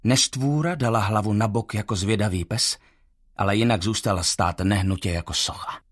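A man reading a first-person audiobook in a measured, tense storytelling manner. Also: lowish voice, slightly rough. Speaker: audiobook narrator.

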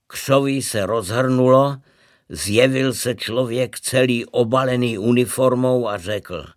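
A man reading a short story aloud, calm and measured. His voice sits in the middle range. The recording is dry and close. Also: medium pitch, no echo. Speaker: reader. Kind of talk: literary reading.

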